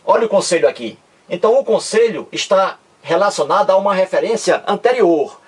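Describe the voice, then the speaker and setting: A man teaching grammar to online viewers in a casual lesson. He keeps saying "look here" and slows way down to stress example phrases. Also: sits high, expressive, slightly rough.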